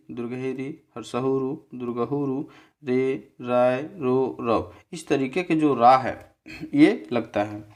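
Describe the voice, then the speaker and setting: Over a slide, a male teacher walks through grammar one step at a time, slowly and repetitively, spelling syllables out and frequently asking "theek hai" to check on his listeners. His voice is mid-range and a little mellow.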